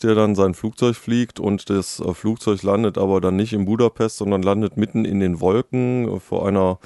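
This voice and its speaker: Man, deep voice, casual book talk, hesitant fillers, dry close sound. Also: dark tone, no room sound. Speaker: book reviewer.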